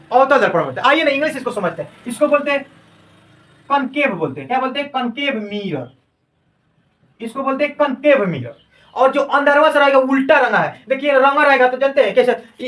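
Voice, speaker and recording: A man's voice: very high-pitched, fairly bright tone, far from the mic, poor audio. A man teaching a classroom science lesson. He repeats each term as a question and then answers it, and calls his students "babu".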